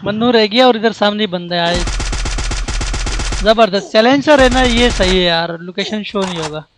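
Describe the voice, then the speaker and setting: High-voiced excitable male gamer. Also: moderate pace, background noise. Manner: excitable, calls out teammates. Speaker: gamer streaming with friends. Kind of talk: casual gameplay chat.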